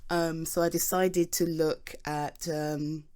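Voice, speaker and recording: A British ASMR voice performer plays a chatty, flustered geology nerd in an intimate roleplay, rambling fondly and animatedly as she explains things to someone close. Her voice is low, mellow and slow, with little pitch movement.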